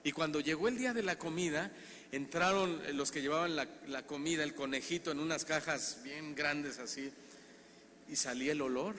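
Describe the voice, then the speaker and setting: A man's voice: a little high, normal speed. A man with a Mexican accent, a pastor preaching a sermon, telling stories and asking the congregation questions. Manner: animated storyteller, asks the congregation questions. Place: church hall. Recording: reverberant hall, faint background noise.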